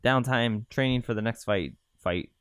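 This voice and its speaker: A young man co-hosting a casual sports podcast, ranting with blunt profanity and animated questions. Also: mid-range voice, moderate pace, clean tone, no room sound, clean studio sound. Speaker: podcast co-host.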